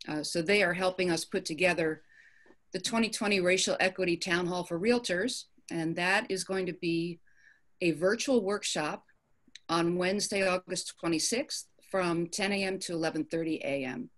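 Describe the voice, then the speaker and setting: A woman presenting an upcoming event in a virtual office meeting, halting, with many ums and uhs, over a video call. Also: lowish voice. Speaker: committee presenter.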